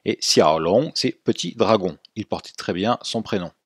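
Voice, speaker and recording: A man teaching a language lesson, explaining clearly and slowing right down to model words for students to repeat. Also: on the low side, no echo, studio quality. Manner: clear didactic explaining, slow drawn-out model pronunciations for repetition.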